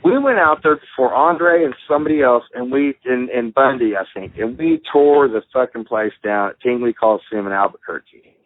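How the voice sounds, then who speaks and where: Middle-aged Texan ex-wrestler guest, blunt and profane, on a tinny phone call. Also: male voice, mid-range voice, normal speed, no echo. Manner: blunt, swears freely, acts out others' lines. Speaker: guest, former pro wrestler. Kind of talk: casual storytelling. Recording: dry phone-line call.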